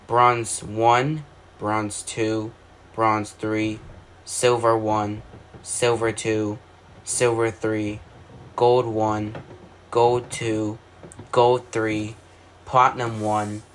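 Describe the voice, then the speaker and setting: A lowish, level male voice draws out words and leaves long pauses while announcing a mock emergency broadcast. He's an amateur, a video creator reading his own scripted fictional alert scenario, and he occasionally stumbles. The recording carries noticeable background noise.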